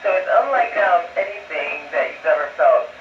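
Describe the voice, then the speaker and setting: A man speaks over a space radio link in a slightly high voice, answering questions as an astronaut would from orbit. He explains plainly and pauses as he goes. The sound is muffled, echoey and distant. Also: animated, a little hiss or hum. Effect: space radio transmission. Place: aboard a space station. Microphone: ham radio.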